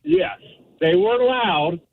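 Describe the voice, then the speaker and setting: A man calls in over a thin, phone-like speakerphone line while driving. His voice sits a little high, and he speaks in halting, casual bursts that often restart. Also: sing-song, creaky, a crowd in the background. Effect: phone on speaker in a car. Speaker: caller. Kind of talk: casual call-in chat. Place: driving in a car.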